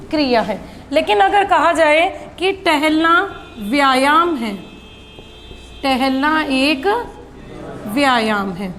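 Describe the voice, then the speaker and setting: A woman with a high voice teaches a grammar lesson, asking questions and answering them herself. The sound carries a long echo from the room, with a faint hum behind her. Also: fairly bright tone.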